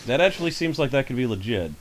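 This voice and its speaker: A man hosting a casual podcast over a voice call, telling rambling, animated stories. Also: medium pitch, quick pace. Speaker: podcast host. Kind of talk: casual chat. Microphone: home microphone over a voice call.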